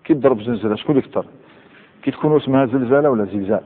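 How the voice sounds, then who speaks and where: In a tinny, echoey hall recording, a man with an Algerian Arabic accent and medium pitch gives a classroom grammar lecture, quizzing students and slowly reciting verb patterns.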